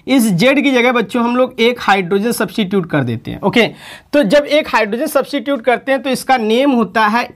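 A woman chemistry teacher giving an online lesson, calling her students children and repeating each term for emphasis. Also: on the high side.

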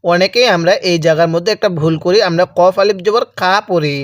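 Here a high-pitched man talks fast, recorded with clean studio sound and no room sound. With a Bangladeshi Bengali accent, he teaches Arabic letter reading in a slow recitation lesson, repeating each syllable as he drills them one by one for the learner.

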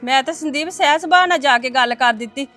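A woman's voice: high-pitched, fast talker, fairly bright tone, soft background music. A woman playing an offended neighbor. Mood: aggrieved. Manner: aggrieved, complaining. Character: offended neighbor woman complaining about an insult. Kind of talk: family web series acting.

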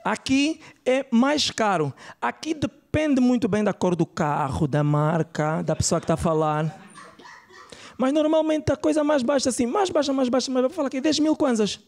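Man doing a brassy Angolan woman, very high gravelly voice, gossipy, chatty storyteller. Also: lively intonation, normal speed, a little mellow, full character voice. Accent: Angolan Portuguese. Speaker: stand-up comedian. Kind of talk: stand-up character bit. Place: comedy club stage.

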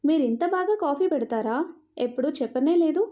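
A woman's voice: high voice, expressive, brisk. A woman voicing a shy, sweet young wife in a romantic storybook, speaking coyly and fussily on a slightly muffled recording.

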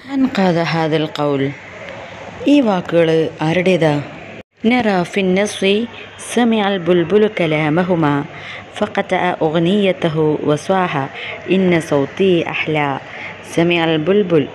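Unhurried online-class teacher, plain mid voice, explains each phrase, noisy recording. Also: mid-range voice. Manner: reads text lines, then translates phrase by phrase.

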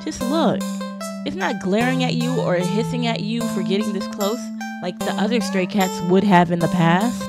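A woman streaming a game, reading the story aloud and talking back to it with lively asides and casual swearing. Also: medium pitch, moderate pace. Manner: animated, swears freely, talks back to the game, sing-song asides. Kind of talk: live-streamed game playthrough, reading on-screen text aloud. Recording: loud music playing behind her.

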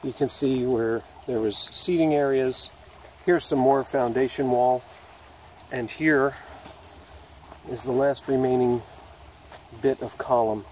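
A man in his thirties talks into a handheld camera on a wooded riverside trail. He is chatty and loose, thinking aloud with fillers and restarts, at a middling pitch, with faint open-air sound behind him. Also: steady tone, takes it slowly, long pauses, a little mellow, a little hiss or hum. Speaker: video host exploring ruins. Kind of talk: casual walking vlog narration. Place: outdoor woodland trail by a river. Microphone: camera held at arm's length.

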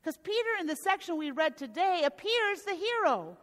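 A woman pastor delivers a storytelling sermon in a high voice. Her words ring out through a church with a long reverberation tail. She sometimes stops and restarts a phrase. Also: big pitch swings, normal speed, fairly bright tone. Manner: storytelling preaching with occasional restarts. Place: church sanctuary.

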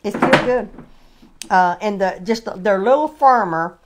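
A woman hosting a casual cooking demonstration in her home kitchen, chatty and halting with many restarts. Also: medium pitch, heavy background noise. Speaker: cooking show host.

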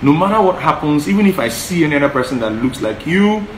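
In an echoey indoor living room with faint hiss, a thirty-something co-host with a Yoruba accent gives earnest, emphatic advice in a casual chat, repeating points. He talks fast, very animated, in a voice on the high side.

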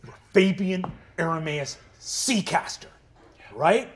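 A man's voice: high-pitched, animated, takes it slowly, a little hiss or hum, voice pushed down. A man voicing a big, dim-witted young jock bro with a laid-back drawl in a tabletop role-play game. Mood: earnest.

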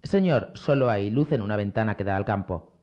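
A man's voice: on the low side, expressive, a little fast, darkish tone, lo-fi sound, close to an everyday voice. A man reading aloud, voicing a loyal, obedient servant. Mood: deferential. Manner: deferential, cautious.

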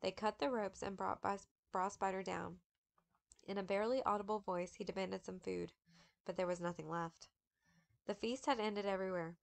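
Lady reading a memoir out loud, steady pace, bit of fry in her voice. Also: mid-range voice. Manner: steady, measured, with occasional slips. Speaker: audiobook reader. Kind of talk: memoir read aloud.

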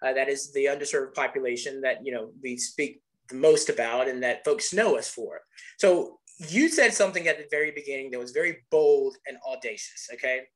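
A man's voice: mid-range voice, brisk, poor audio. A man hosting a webinar interview, asking conversational questions and often stammering on repeated words. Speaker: interview host.

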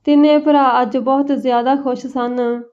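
A woman narrating an emotional village family story in a steady, feeling storybook reading. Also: sits high, moderate pace, a little hiss or hum. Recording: dull lo-fi recording.

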